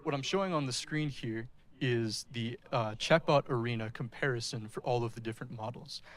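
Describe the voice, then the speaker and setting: A man's voice: mid-range voice, a little fast. A man giving a technical presentation in front of an audience, addressing the listeners directly. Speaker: speaker giving a technical talk. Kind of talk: conference-style presentation to an audience.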